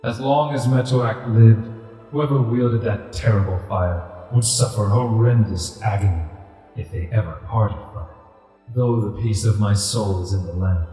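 A man acts out a huge ancient tiger spirit for a tabletop game. The voice is deep and rumbling, with solemn, unhurried phrasing and a calm, unaggressive temper. Music plays clearly underneath. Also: very echoey, long reverb tail, close to an everyday voice, poor audio. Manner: slow, grave, measured storytelling. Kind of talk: tabletop role-play.

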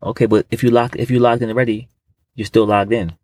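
A man's voice: medium pitch, level tone, quick pace, darkish tone, dry recording. A man co-hosting a podcast in casual comedic chat, rambling and repeating himself with boastful, street-casual phrasing. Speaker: podcast co-host.

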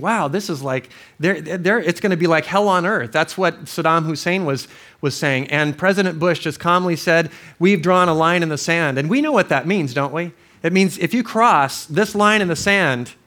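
A male pastor preaching a sermon, his voice a little higher than most men's. He talks earnestly and conversationally, often backing up to restart a phrase. He also reads scripture aloud and leads a prayer. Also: a bit bright. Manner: reads scripture, then prays.

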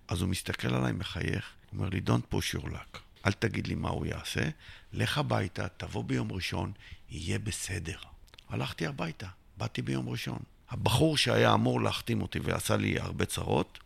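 A middle-aged Israeli entrepreneur, being interviewed, animatedly tells his business story in a lowish, gravelly, slightly rough voice. He acts out both sides of each conversation, sometimes shouting.

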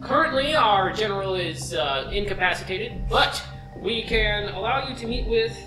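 A man's voice: high-pitched, expressive, normal speed. Fantasy tabletop gate guard, played by a man, formal, hesitant and obsequious, roomy distant sound with music behind. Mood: nervous, formal. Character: deferential, flustered male city gate guard. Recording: roomy, distant mic under loud music.

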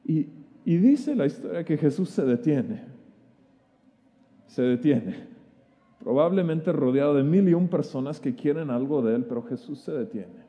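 A man's voice: on the high side, animated, normal speed, lo-fi sound. A man preaching a sermon, retelling the story vividly with stammered restarts. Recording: long reverb of a hall.

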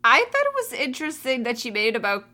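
A woman's voice: sits high, fast. A woman co-hosting a podcast in casual chat, talking with many fillers and acting out quotes. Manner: chatty, many "like" fillers, animated quoting. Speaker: podcast co-host.

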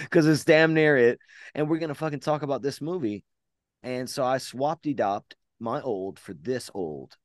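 A man's voice: medium pitch, no room sound, studio quality. A man hosting a podcast over a video call, talking in a profane, boisterous, bragging way. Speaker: podcast host. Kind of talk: casual chat.

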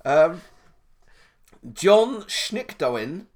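A man's voice: fairly high pitch, sing-song, extremely slow. Sick man with a muffled, underwater-sounding voice. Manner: chatty, restarts often, jokey. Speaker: podcast co-host. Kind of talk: casual chat reading out online reviews.

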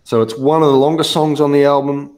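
A man hosting a casual album review, talking through each track in a measured, explanatory way and steering the discussion. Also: on the high side, little pitch movement, darkish tone. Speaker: podcast host reviewing an album. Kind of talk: casual music review chat.

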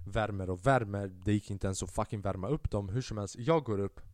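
A man hosting a solo podcast, telling a stand-up story in a casual, profane and animated way and acting out the voices he quotes. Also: on the low side, no echo, clean studio sound. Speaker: podcast host and stand-up comedian.

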